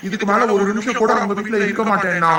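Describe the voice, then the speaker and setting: A man's voice: high-pitched, fairly even intonation, quick pace, pushed and bright, very echoey, recorded from a distance, slight background noise. A man voicing cheeky, boastful young boys in a cartoon, talking in a bold, teasing and argumentative way. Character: cheeky young boy playmates, boastful and quarrelsome. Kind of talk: cartoon dubbing.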